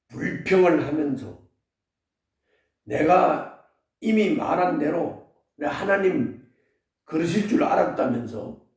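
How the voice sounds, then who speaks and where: A man's voice: on the high side, creaky, a little mellow. A man preaching a Bible meditation as a pastor, earnestly putting searching questions to his listeners. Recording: echoey room, distant mic.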